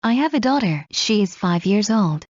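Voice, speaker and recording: A woman reading scripted English practice dialogues in a slow, clear drill delivery. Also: medium pitch, lively intonation, a little mellow, no room sound. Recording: muffled lo-fi recording.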